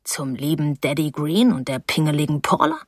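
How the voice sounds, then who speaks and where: A woman voicing a moody, stubborn young man who answers curtly in a lowered voice. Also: animated, moderate pace, breathy edge, no room sound, studio quality. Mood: pleading.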